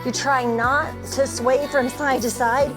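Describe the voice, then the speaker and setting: A middle-aged woman leading a workout as an encouraging, energetic instructor, calling out short motivational cues while exercising. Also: high voice, a little slow. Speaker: fitness instructor, host. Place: inside a motorhome living area. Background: music.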